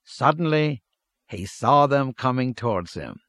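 A man reads a literary story aloud in a measured, steady way at an even middle pitch. The sound is dry and close, with no room around the voice. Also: dry recording. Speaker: narrator. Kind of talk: scripted story narration.

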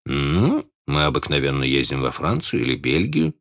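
Man doing awkward young man, evasive, hesitant, mumbling, deep low voice. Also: wildly swooping pitch, moderate pace, vocal fry, full character voice. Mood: embarrassed.

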